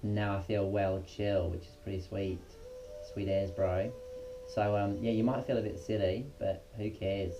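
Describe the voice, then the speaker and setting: A man's voice: fairly low pitch, steady tone, unhurried. A man leading a casual guided yoga lesson in a laid-back, slangy, unpolished way, as the instructor. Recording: muffled, dull lo-fi sound.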